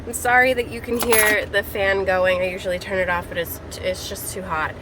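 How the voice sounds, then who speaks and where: A woman hosts a laid-back plant-shopping vlog, chatting in a slangy, informal way at a normal pace with a steady, medium-pitched voice. Background music and a fan or vehicle hum can be heard.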